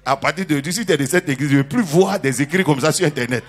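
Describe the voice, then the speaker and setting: A man preaching a sermon as bishop, calling on the congregation to answer amen, teasing them with jokes and rising to loud prophetic declarations. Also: on the high side, fast talker. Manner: animated preaching with call-and-response.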